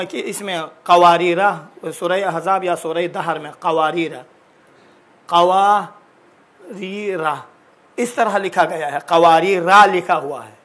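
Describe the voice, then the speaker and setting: A man's voice: high-pitched, fairly bright tone. A man teaching Quran recitation in a religious lesson, explaining patiently and drawing out syllables to demonstrate. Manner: drawn-out demonstration of syllables and words; explaining, repeating examples patiently.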